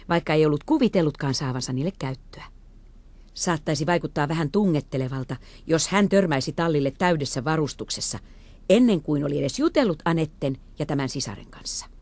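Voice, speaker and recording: A woman reading an audiobook story aloud with lively, expressive intonation. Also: low voice, no echo. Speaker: audiobook reader. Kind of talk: scripted narration.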